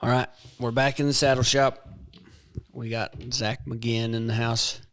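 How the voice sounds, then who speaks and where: A man hosting a casual podcast interview in a saddle shop, easygoing and quick to laugh. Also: mid-range voice, flat delivery, fairly bright tone, no room sound. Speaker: podcast host.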